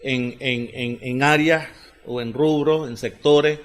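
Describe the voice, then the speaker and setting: A man's voice: mid-range voice, fairly even intonation, slow. A man hosts a discussion in a plain mid-range voice. He drives his points home and checks in with tag questions. He stumbles over doubled filler sounds between phrases. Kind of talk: analytical talk-show conversation.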